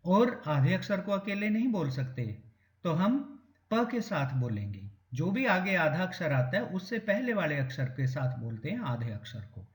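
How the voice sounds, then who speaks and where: A man teaching a beginners' lesson to schoolchildren, patiently explaining and repeating words slowly so they can follow. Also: on the high side, very animated, reverberant. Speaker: Sanskrit teacher. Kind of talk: classroom lesson explaining to children.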